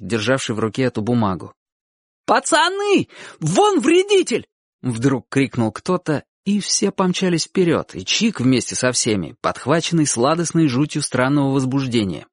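Expressive male audiobook narrator, dry sound. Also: medium pitch, dry recording. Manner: expressive storytelling, acts out quoted shouts. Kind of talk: scripted literary narration.

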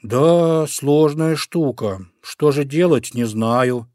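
A man's voice: on the high side, slow, darkish tone, pitched above the performer's own voice. Man doing a good-natured bear cub. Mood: concerned. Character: kind clumsy bear cub, male.

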